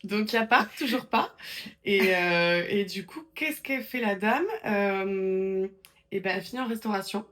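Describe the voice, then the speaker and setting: Une femme qui raconte son parcours en interview, sur un ton de conversation détendue, avec beaucoup d'hésitations et de reprises. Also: female voice, mid-range voice, normal speed, fairly bright tone. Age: 20s. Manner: chatty storytelling, many fillers and restarts. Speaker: guest. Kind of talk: casual interview chat.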